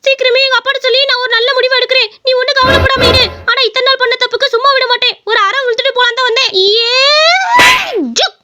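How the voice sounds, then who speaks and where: A woman doing a furious young village woman, very high, piercing, fast, cartoon scolding. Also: level tone, highs cut off, loud music behind the voice. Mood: stern. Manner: sharp, scolding, shrill. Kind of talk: cartoon voice acting.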